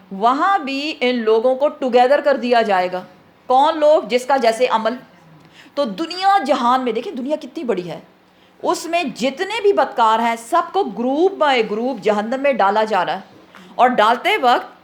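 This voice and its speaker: A woman explaining Quran verses in a lesson, asking questions and answering them herself, with English words mixed into her speech. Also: fairly high pitch. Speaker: Quran teacher.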